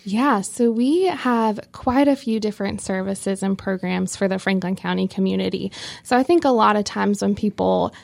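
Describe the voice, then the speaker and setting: Friendly young woman with vocal fry. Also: medium pitch, normal speed, darkish tone. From North Carolina. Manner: friendly, explanatory. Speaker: health educator guest. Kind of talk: interview answers.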